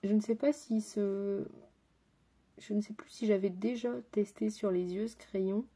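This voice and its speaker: A woman's voice: medium pitch, fairly even intonation, a little slow, mellow, husky. French woman, makeup artist, live stream chat, talks straight to viewers.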